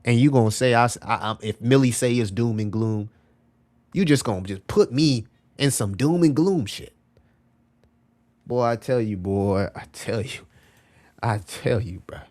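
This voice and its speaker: A male streamer chats casually to his viewers at a mid-range pitch. His talk is loose and slangy, full of repeats and "bro". He reacts to chat messages as they come in. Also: a little slow, long pauses, a little mellow. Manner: loose, slangy and repetitive, often calling out "bro"; talks back to chat messages as he reads them. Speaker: crypto livestream host.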